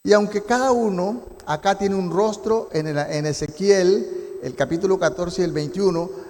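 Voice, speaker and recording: A man's voice: high voice, moderate pace, darkish tone. A male pastor leads a Bible study, reading scripture and asking the congregation questions. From Costa Rica. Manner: teaching, reads scripture and asks the congregation questions. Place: church. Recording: long church hall reverb.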